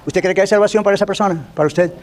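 A man's voice: high voice, rapid-fire. A man giving a conversational radio sermon, telling stories and playfully acting out little voices, with English phrases mixed in. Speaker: radio preacher.

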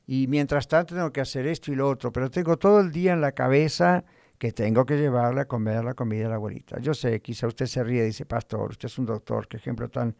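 A male pastor delivers an earnest teaching sermon in a mid-pitched voice. He speaks straight to the listener, repeating key words and reaching for homely everyday examples. The recording is close and dry, with no room sound. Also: quick pace, creaky, a little mellow, no echo. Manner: earnest, repetitive, addresses listener directly.

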